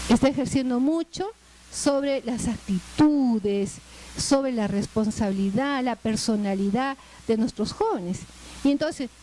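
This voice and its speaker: This middle-aged Peruvian teacher speaks in a high-pitched but dark-toned voice, lecturing conversationally and frequently ending sentences with "¿no?" in her Peruvian Spanish accent. The recording is low quality, with slight background noise.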